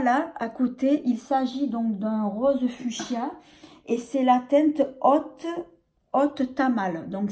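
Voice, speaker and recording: Here a woman vlogger with a French accent talks through a makeup palette review in a loose, hesitant style packed with fillers and restarts. Her voice sits on the high side with a dark tone.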